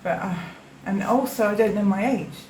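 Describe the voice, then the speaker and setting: Speaking at normal speed in a medium-pitched, darkish voice, a South African interviewee in her fifties offers personal testimony as a witness, faltering with frequent fillers and restarts. A little hiss or hum and a roomy echo color the audio.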